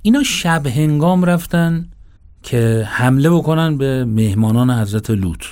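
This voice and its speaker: A man delivering a religious sermon, moving between recited verses and casual, conversational explanation to listeners. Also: medium pitch. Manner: animated, shifts between recitation and conversational address. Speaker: religious lecturer. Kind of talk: Quranic sermon with colloquial asides.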